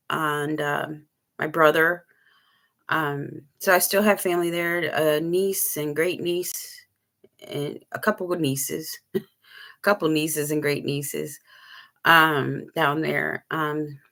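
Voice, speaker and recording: Gravelly low-voiced woman chatting on a live stream. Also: fairly bright tone. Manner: rambling, many ums, shows items to camera. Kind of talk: casual live-stream chat.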